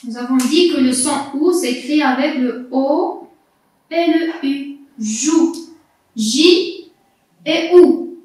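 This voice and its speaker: A woman's voice: high voice, takes it slowly, pauses often, darkish tone. A woman teaching young primary pupils, speaking patiently and spelling out letters and syllables one by one. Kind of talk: slow, carefully articulated lesson for young children. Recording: echoey classroom, distant mic.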